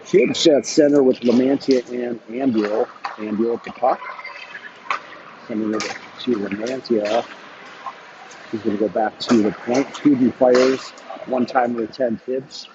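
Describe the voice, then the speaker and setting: Man calling hockey play-by-play, lo-fi. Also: medium pitch. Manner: rapid clipped calls, bursts of excitement on shots. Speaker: play-by-play commentator. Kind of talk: live hockey play-by-play commentary. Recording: dull lo-fi stream audio with noise.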